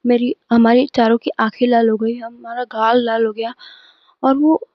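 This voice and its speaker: A woman's voice: on the high side, flat delivery, unhurried, dry recording, highs cut off. A teenage girl casually telling a personal school story to her viewers, emphatic and chatty. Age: teens. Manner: chatty, emphatic retelling with frequent restarts.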